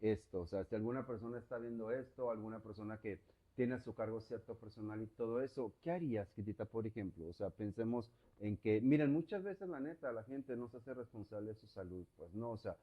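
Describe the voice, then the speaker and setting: A man's voice: fairly low pitch, brisk. A man with a Mexican accent hosting an interview, asking long, rambling questions that he rephrases as he goes, in casual, slangy speech. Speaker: host. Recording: dull lo-fi audio.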